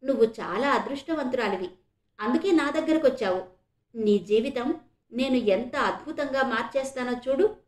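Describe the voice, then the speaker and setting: A man's voice: very high voice, moderate pace. A woman voicing a lecherous, menacing fake holy man who coaxes and threatens, in a roomy, echoey recording. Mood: coaxing. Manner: coaxing then threatening.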